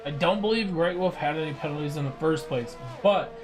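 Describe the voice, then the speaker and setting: A young man calls a sim-racing league race, walking through tyre and overtaking tactics in a calm, measured way. His voice sits a little high for a man. Faint music plays underneath the commentary. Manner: steady, explanatory, measured tactical analysis.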